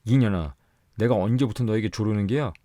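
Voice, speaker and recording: A man voicing a menacing, shouting country husband. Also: on the low side, brisk, no room sound, clean studio sound, pitched above the performer's own voice, natural voice. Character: angry rural husband, threatening and violent.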